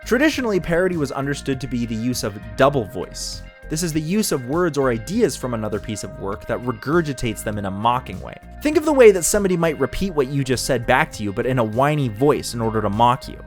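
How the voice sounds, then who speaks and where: A man narrating a scripted video essay, with a mid-pitched voice that rises and falls a lot. He talks analytically and slips in dry jokes. Faint music plays underneath. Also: sing-song, quick pace, hardly any pauses. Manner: dry jokey asides in an analytical tone.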